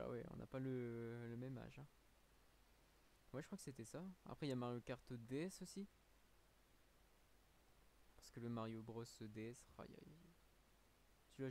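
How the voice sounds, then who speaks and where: A man's voice: mid-range voice, darkish tone, a little hiss or hum. A man with a French accent, a streamer chatting casually on a live stream, rambling with many fillers, a little tired.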